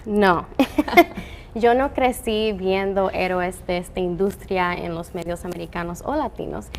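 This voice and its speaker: A woman's voice: lowish voice, measured pace, a little hiss or hum. A woman from the Dominican Republic, an engineer, answering interview questions earnestly with many "eh" fillers. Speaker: telescope operations engineer.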